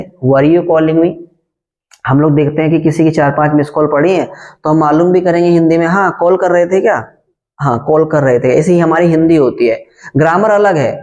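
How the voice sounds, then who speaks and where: Male English tutor, fairly high voice, slow repeated drills, muffled lo-fi recording. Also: darkish tone. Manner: slow, drilled English example sentences between explanations. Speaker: English teacher. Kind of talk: spoken English lesson. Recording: dull lo-fi sound.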